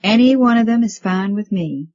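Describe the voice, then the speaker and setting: Woman doing a soft-spoken Southern young woman. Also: mid-range voice, animated, moderate pace, dry recording, muffled recording, pitched above the performer's own voice, close to an everyday voice. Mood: gentle. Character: Honey, a gentle, guileless young woman doctor.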